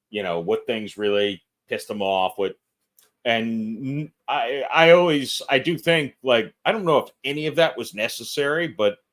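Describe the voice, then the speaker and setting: A man's voice: mid-range voice, fairly bright tone. A man guesting on a podcast as an actor and filmmaker, talking casually and self-deprecatingly, laughing often. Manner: fidgety.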